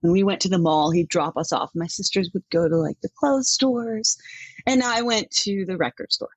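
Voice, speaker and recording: A woman's voice: fairly low pitch, normal speed, no echo. A middle-aged woman from Denmark, a country music artist, chatting animatedly in an interview and laughing often. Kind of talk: casual interview talk.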